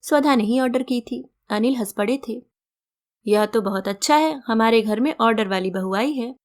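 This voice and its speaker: A woman storyteller reading a first-person story aloud in a gentle, reflective, measured way. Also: on the high side.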